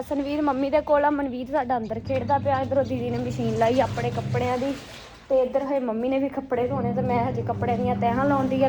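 A young woman with a high voice talks casually to viewers and family. She repeats words and phrases for emphasis. The home recording has noticeable background noise. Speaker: family vlogger. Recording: noisy handheld home recording.

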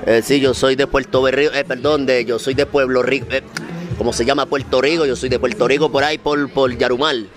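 A man's voice: mid-range voice, fairly even intonation, a little fast, music in the background, lightly acted. A comedian playing a confused man posing as a Puerto Rican reggaeton singer, rambling in a put-on Caribbean drawl, interviewed with a handheld mic on an outdoor balcony. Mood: clueless. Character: bumbling fake Puerto Rican reggaeton guy.

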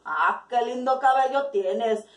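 A woman voicing an excitable, kindly male farmer who talks to his animals in slow, drawn-out exclamations. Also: on the high side, roomy sound, recorded from a distance, background noise. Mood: fond.

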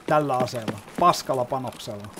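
Guy talking thru his game, chatty, cusses a lot, loud noisy game sound behind him. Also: mid-range voice. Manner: chatty, explains as he plays, swears often. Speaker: gaming YouTuber. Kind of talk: gameplay commentary.

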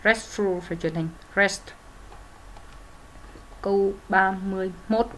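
Explaining grammar exercises slowly, this woman speaks in a mid-range, fairly bright voice with fairly even intonation. She goes through the English answers methodically, often using fillers and correcting herself, over slight background noise.

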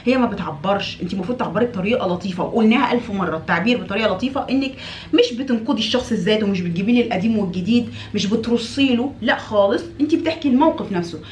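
Fast, animated Egyptian woman coach. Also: roomy sound, slight background noise. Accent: Egyptian Arabic. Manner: animated, acts out quoted wives with big pitch jumps; direct, scolding, repeats phrases for emphasis. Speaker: relationship coach. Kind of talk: advice talk to women.

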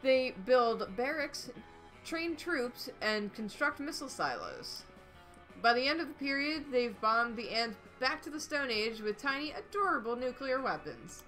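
A woman's voice: high-pitched, big pitch swings, a little slow, bright, forceful tone, soft background music. A woman narrating a dating game on a stream, reading the text in a playful, upbeat way with dry asides.

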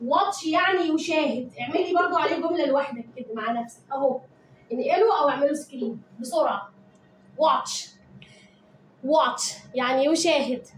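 A woman with an Egyptian Arabic accent who has a cold, teaching English grammar to children in a lively, coaxing way and chanting the rules in a sing-song voice. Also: high voice, a little fast, roomy sound, far from the mic, a little hiss or hum, low-quality recording. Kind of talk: online grammar lesson to children.

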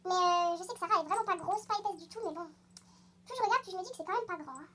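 A teenage girl chatting excitedly in a casual show-and-tell vlog, rambling with lots of hesitations and fillers. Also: extremely high pitch, rapid-fire, a little hiss or hum. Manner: excited, gushing. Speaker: horse-riding vlogger.

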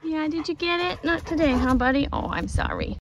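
Woman vlogger, phone held out in a garden, slightly high, gravelly, cheerful chatter. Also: fairly quick, highs cut off, a little hiss or hum. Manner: chatty and cheerful, exclaiming over her plants. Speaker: homesteading vlogger. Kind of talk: casual garden tour. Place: outdoor garden and greenhouse.

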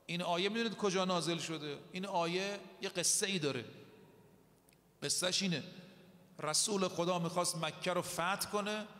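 A male preacher delivering a religious sermon, telling stories with slow, deliberate emphasis and reciting Arabic verses. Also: high-pitched, fairly bright tone. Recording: echoey hall reverb.

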